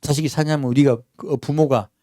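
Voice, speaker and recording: A man's voice: a little high, fairly even intonation, quick pace, warm tone, no room sound, studio quality. A man preaching a sermon in a church, talking to the congregation conversationally with many rhetorical questions. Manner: acts out everyday quotes in character voices. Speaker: pastor.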